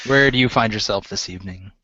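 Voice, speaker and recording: A man's voice: on the low side, fast, pushed and bright, dry recording, muffled recording. A man narrating as game master of a tabletop role-playing game, often laughing and hesitating with fillers.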